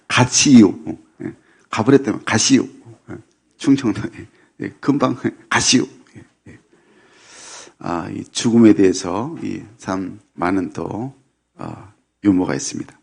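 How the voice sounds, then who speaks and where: Unhurried middle-aged male pastor. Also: low-pitched, animated, creaky, darkish tone, breathy edge. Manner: unhurried, with frequent filler "yes" and light humor. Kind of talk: sermon. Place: church sanctuary.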